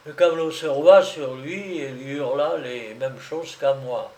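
A male narrator reads a literary story in a measured, expressive way. His pace is slow and deliberate, and his pitch sits slightly high. He gives each phrase its weight. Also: echoey room. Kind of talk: literary audiobook reading.

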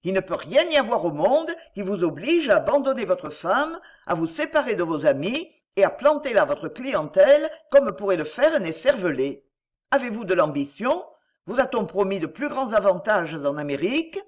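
A woman narrator voicing a noble duke, warm yet commanding. He talks emphatically and presses his points with earnest insistence, in a lively storybook reading. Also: medium pitch, normal speed. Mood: insistent. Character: noble, warm but commanding duke, middle-aged man.

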